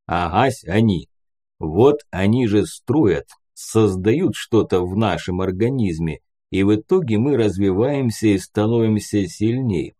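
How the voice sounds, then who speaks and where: A male audiobook reader voicing a gruff older squad commander who speaks slowly and plainly. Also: fairly low pitch, expressive, warm tone. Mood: explaining. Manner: slow, unhurried, folksy.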